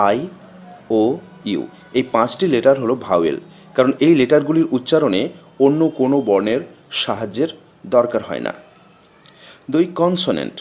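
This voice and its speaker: Man, native Bengali speaker, grammar lesson, methodical recitation, lively rising and falling pitch. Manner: slow, methodical recitation of letters and meanings. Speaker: teacher. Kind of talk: reading a grammar lesson aloud.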